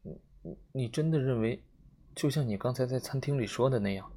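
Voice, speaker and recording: A man's voice: medium pitch, lively intonation, a little mellow, slightly rough. A man reading an audiobook, voicing a nervous young man who stammers and loses his composure. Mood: anxious. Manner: stammering, halting, rising panic.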